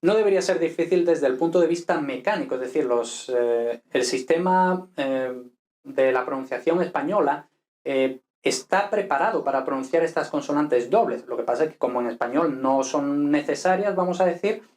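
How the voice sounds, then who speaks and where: A man's voice: fairly high pitch, normal speed, darkish tone. A man leads a video lesson on pronunciation. He explains step by step and repeats each example word several times. He keeps checking in with the listener as he goes. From Spain. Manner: explanatory, frequent "¿vale?" check-ins and repeated model words. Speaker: language teacher.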